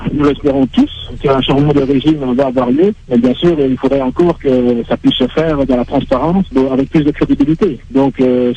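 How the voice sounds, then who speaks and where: A man, an opposition politician, giving a halting political statement with many hesitations. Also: fairly high pitch, gravelly, warm tone, slightly rough. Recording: dull lo-fi recording with faint hiss.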